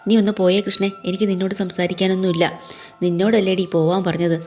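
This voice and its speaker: A woman's voice: mid-range voice, steady tone, quick pace, darkish tone, a little hiss or hum, close to an everyday voice. A woman voicing a proud young woman who answers her sister curtly and hides her grief in a retold TV serial story. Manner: curt, dismissive.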